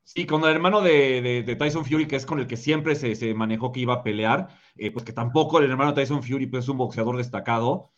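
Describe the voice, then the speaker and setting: Panelist with dull lo-fi sound. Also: male voice, medium pitch. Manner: measured, filler-heavy. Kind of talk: casual panel commentary. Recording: dull lo-fi audio.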